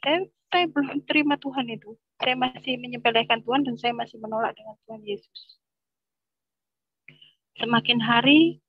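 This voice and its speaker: A woman's voice: on the high side, lo-fi sound. A woman telling her personal religious testimony to a congregation, retelling events vividly and addressing her listeners again and again. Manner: addresses audience repeatedly, vivid storytelling. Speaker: testimony speaker.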